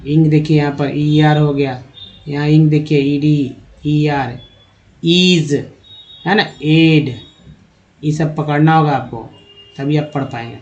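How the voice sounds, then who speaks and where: A man's voice: a little high, steady tone, takes it slowly, long pauses. A man with a Hindi accent teaching English pronunciation from slides, patiently spelling words out letter by letter. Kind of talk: slide-based spoken lesson. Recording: dull lo-fi sound.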